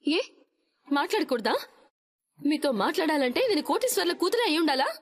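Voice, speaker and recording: A wronged young daughter-in-law in a TV serial. She speaks in a very high voice at a rapid clip. Her tone is indignant and pleading. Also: expressive. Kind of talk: TV serial acting.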